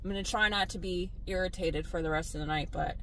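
A woman, a delivery driver vlogging from her car, blunt and animated as she tells her stories. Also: on the low side, quick pace, a little hiss or hum, low-quality recording. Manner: exasperated, blunt, animated storytelling. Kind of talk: casual vlog venting to viewers.

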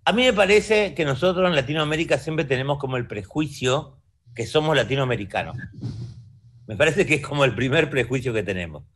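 A man in his fifties from Argentina, with an Argentine Spanish accent, speaks reflectively as an artist guest in a conversational interview, often checking in with the listener. He talks from a room at home over a video call webcam, his medium-pitched voice lively, a little fast, and a bit bright.

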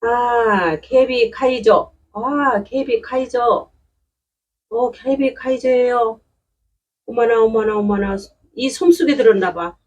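A woman's voice: fairly high pitch, slow pace, a little mellow, distant mic, lo-fi sound. A woman unboxing succulent plants at home in a chatty, delighted way, exclaiming often. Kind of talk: casual unboxing commentary. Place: indoors at home.

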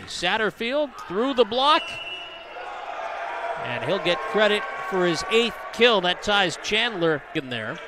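A high-pitched male play-by-play commentator calls a live volleyball match at a brisk pace, rising to shouts on big plays. The arena feed is noisy, with gym ambience and bouncing balls behind him.

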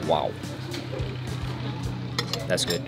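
A young travel vlogger narrates casually while holding an action camera at arm's length outdoors, moving through rural hills and an open-air bamboo restaurant. He's chatty and excitable and laughs often, with very slow, soft music playing in the background.

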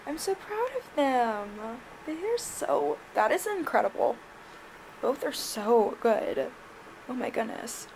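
Bubbly college-age female vlogger, sorority-girl chattiness, higher-pitched voice, roomy sound. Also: big pitch swings, slow, creaky, a little mellow, recorded from a distance. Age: early 20s. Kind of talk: casual get-ready-with-me vlog chat. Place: small echoey rooms in an apartment and house. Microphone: handheld or propped vlog camera. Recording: roomy echo, faint background noise.

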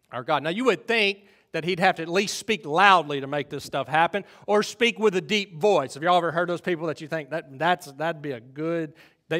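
Animated preacher, fairly high voice. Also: male voice. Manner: animated preaching, swings from loud to hushed. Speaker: pastor. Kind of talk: sermon.

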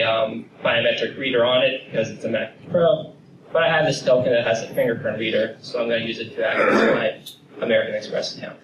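A man's voice: mid-range voice, dull audio. A young man giving a confident tech presentation with a handheld microphone in an office meeting room. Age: young adult. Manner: confident, explanatory, casual fillers. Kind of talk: conference talk with demo. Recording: roomy, distant camera audio with noise.

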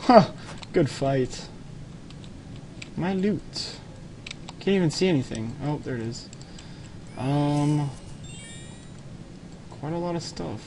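A young man with a somewhat high voice commentates a game live, snapping short commands and repeating them. He speaks into a headset mic at his computer. Faint typing clatters behind him. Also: expressive, slow, long pauses, noisy background. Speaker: clan leader giving orders.

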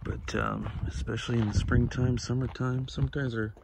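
A man's voice: medium pitch, flat delivery, normal speed, vocal fry. A man filming himself on an outdoor hiking trail, talking through the hike in an easygoing, rambling way full of filler words. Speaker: vlogger hiker. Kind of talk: casual hiking vlog commentary. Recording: noisy outdoor recording.

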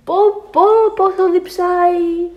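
A woman voicing a restless four-year-old boy who keeps calling loudly for his father from bed. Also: completely flat delivery. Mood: pleading, shouting. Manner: high, loud pleading calls.

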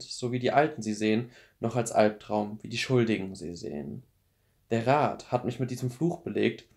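A man voicing a weary, regretful older mentor in an audiobook, speaking calm and measured. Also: mid-range voice, natural voice.

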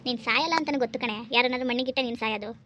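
A woman's voice: a little high, racing, a bit bright, slight background noise, close to an everyday voice. A woman voicing a middle-aged father-in-law who grumbles and mocks his wife in a cartoon story. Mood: mocking. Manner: gruff, mocking bickering with his wife.

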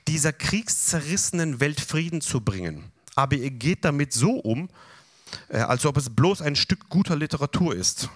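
A man preaching a sermon with animated delivery, leading the congregation through slow recitation of scripture. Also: on the high side.

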